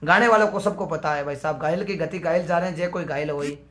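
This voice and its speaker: A man's voice: on the high side, fast, fairly bright tone. A man with a sore, strained throat, hosting a live stream and greeting viewers by name one after another. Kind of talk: live stream chat, reading out viewer comments.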